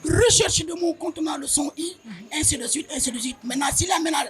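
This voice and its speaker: High-voiced Senegalese man explaining emphatically. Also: fast talker, a bit bright, faint music behind. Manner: emphatic, stepwise explaining, often repeats words. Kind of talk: explanatory interview answers.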